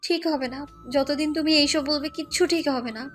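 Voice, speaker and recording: An actress playing a hurt young wife who sulks and pleads in an audio drama. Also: female voice, high-pitched, fairly even intonation, moderate pace, faint music behind, natural voice. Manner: wounded, sulky. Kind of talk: Bengali audio drama acting.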